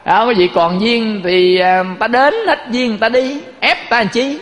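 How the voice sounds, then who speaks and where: A man's voice: very high-pitched, fairly even intonation, unhurried, fairly bright tone, big-room sound. A man giving a folksy Buddhist sermon, telling stories and constantly addressing his listeners. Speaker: Buddhist monk teacher.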